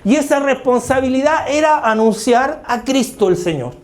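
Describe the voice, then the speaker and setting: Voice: high voice, expressive, moderate pace. A preacher delivering a sermon, repeating key phrases for emphasis and asking the congregation rhetorical questions. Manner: tells everyday stories with acted quotes.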